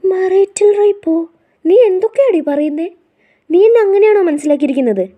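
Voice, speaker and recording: A teasing, affectionate young husband, as a woman reading a story puts him on. He scolds playfully and then softens. The voice sits fairly high and sounds mellow. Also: expressive, fast. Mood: indignant.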